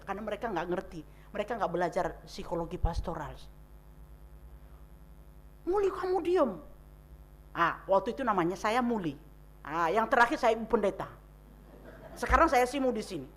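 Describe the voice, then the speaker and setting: A woman pastor giving a seminar sermon on grief, dramatic, acting out scenes with sudden loud outbursts and soft whispers. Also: medium pitch, animated, quick pace, slight background noise.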